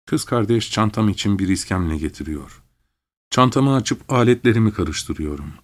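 A man narrating a literary story in the first person, reading at a measured pace. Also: lowish voice, animated.

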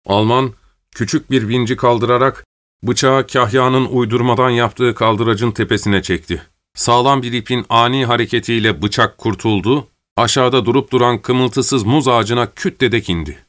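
A man narrating an audiobook in a steady, measured reading voice. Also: mid-range voice.

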